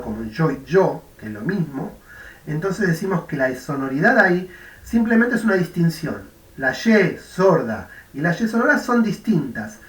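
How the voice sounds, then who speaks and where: In an echoey room, picked up from a distant mic, a man with a Rioplatense Spanish accent teaches a university class, explaining stepwise, sounding things out aloud, and checking understanding with "¿m?" and "¿de acuerdo?". His voice is a little high with a fairly bright tone.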